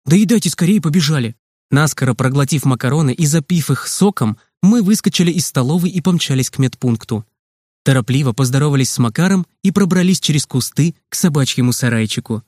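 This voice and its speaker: A man reading a children's story aloud in a lively, expressive way. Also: medium pitch, brisk, no echo, studio quality. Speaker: narrator.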